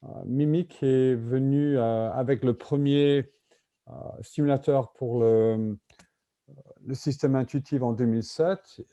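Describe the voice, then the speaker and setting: A man's voice: mid-range voice, fairly even intonation, slow, warm tone. A native English-speaking man with a British accent in French, giving a conference presentation and hesitantly searching for his words. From Britain. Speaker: invited conference speaker, medical simulation executive.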